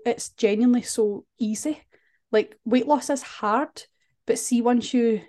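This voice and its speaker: A woman's voice: a little high, warm tone. A woman speaking as a podcast guest, earnest and candid, often restarting her sentences. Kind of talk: podcast conversation.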